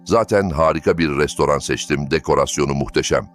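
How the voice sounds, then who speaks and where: A man's voice: very deep voice, fairly quick. A man voicing a haughty, scheming older mother-in-law with a theatrical, mocking manner. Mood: gloating. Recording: faint background music.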